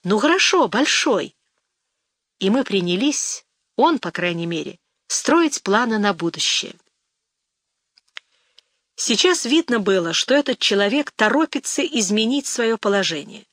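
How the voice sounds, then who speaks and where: A woman's voice: mid-range voice, big pitch swings, unhurried, fairly bright tone, no echo. Woman reading a diary aloud, dry. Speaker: audiobook reader. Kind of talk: first-person diary reading.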